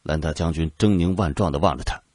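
A man narrating an audiobook with lively storytelling. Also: very deep voice, fast talker, no echo, clean studio sound.

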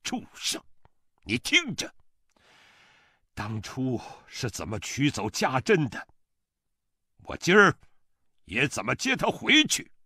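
Male reader as a furious old father-in-law, shouting, gravelly, dry close studio sound. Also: medium pitch, wildly swooping pitch, slow, pauses often, dry recording, pitched above the performer's own voice, exaggerated voice. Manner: barking, scornful insults. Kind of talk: audiobook character voice.

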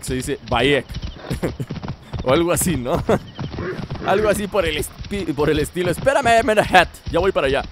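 A man's voice: on the high side, noisy background. A young man giving chatty, joking let's play commentary, laughing often. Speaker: gaming channel host.

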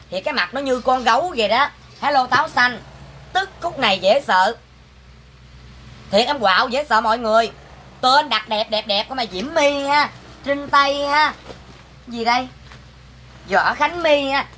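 A vlogger, ranting to viewers in an exasperated, sharp-tongued, scolding way about fake orders. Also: female voice, on the high side, slight background noise. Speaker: vlogger selling goods online. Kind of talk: angry casual rant to viewers.

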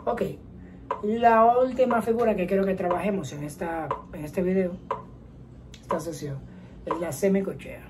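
A woman teaching a guitar lesson, explaining calmly step by step and counting rhythms out loud. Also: lowish voice, moderate pace, rough recording. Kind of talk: casual music lesson. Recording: guitar and metronome playing behind. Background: guitar playing and metronome clicks.

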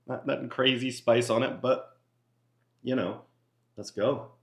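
A man's voice: mid-range voice, steady tone, a little slow. Middle-aged man in an echoey kitchen. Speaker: host of food taste-test videos. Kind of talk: casual chat to camera. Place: home kitchen, indoors. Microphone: camera a few feet away. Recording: roomy kitchen echo, faint noise, crinkling.

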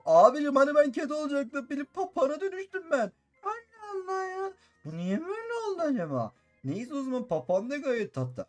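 A man excitedly narrating his Minecraft role-play, repeating each phrase and calling out to his viewers. His voice is high and he rattles along at a quick clip. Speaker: gaming YouTuber.

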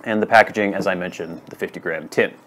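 Low-pitched man giving a measured review. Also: fairly even intonation, noisy background. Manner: measured, deliberate, listing points in short phrases. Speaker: pipe tobacco reviewer. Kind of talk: casual product review to camera. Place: wood-floored room at home, indoors.

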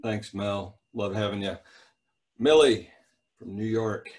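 A man's voice: fairly low pitch, takes it slowly. A middle-aged man hosting a church youth leaders' video call, chatting casually and introducing people. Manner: relaxed, chatty, many fillers.

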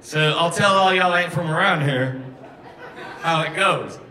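A man's voice: fairly high pitch, a little slow, far from the mic. A man with a Southern American accent, a singer-songwriter doing joking stage banter, teasing the crowd between songs at a live bar show. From Southern United States. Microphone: stage microphone. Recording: echoey live bar recording. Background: guitar and loud music.

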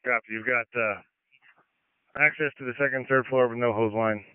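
A man commanding a fire scene in urgent firefighter radio traffic, briskly repeating messages back. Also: mid-range voice, steady tone, clear, resonant tone, no echo. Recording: tinny narrowband two-way radio.

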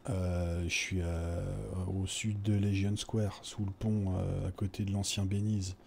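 A man's voice: sits low, level tone, unhurried, vocal fry, darkish tone, slight background noise. A man playing a weary, crude man who lives on the street, talking bluntly and rambling in casual role-play.

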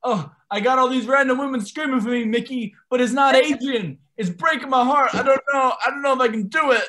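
A man's voice: very high-pitched, sharp tone. A man doing a stammering nervous boxer. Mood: anxious. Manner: stammering, halting. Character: nervous mumbling male boxer-taxidermist. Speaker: improv performer. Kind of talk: improv comedy scene.

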